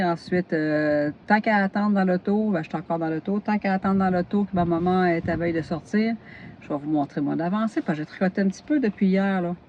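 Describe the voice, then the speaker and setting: A woman's voice: fairly low pitch, lo-fi sound, a little hiss or hum. A woman in her forties with a Québécois French accent, chatting casually about her knitting while waiting in a parked car, rambling and repeating herself. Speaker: knitting vlogger. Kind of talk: casual chat.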